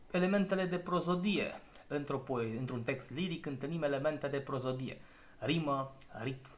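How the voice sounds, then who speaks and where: A man teaching a literature lesson, explaining step by step, often checking understanding and pausing with fillers. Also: medium pitch, a bit bright. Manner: explanatory, with frequent checking "da?" tags; frequent filler hesitations.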